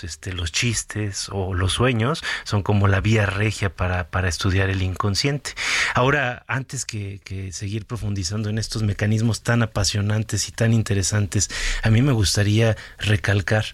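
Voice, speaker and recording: A man's voice: on the low side, no echo. A man, a psychoanalyst hosting a casual discussion, explaining at length and repeating words as he thinks. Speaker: psychoanalyst, panel host.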